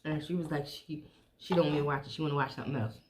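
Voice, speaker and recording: Middle aged lady just chatting to the camera with her mouth busy chewing, kinda low voice, mukbang style. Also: steady tone. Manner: chewing while talking, with pauses to eat. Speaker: mukbang vlogger. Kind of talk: casual chat to viewers while eating.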